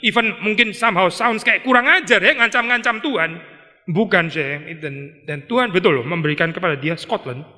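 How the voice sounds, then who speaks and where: A male pastor preaching a conversational sermon, animated, acting out prayers in little asides. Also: sits high, moderate pace. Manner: conversational preaching, mixes English words. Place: large church. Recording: long church hall reverb.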